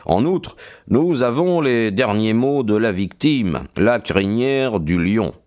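Male reader as a probing, doubtful police inspector; audiobook, low register. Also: lively intonation, slow, darkish tone.

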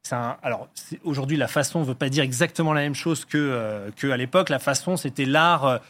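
A man's voice: medium pitch, fairly quick, a bit bright. A man explaining things in casual chat, with many fillers and restarts. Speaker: guest linguistics enthusiast.

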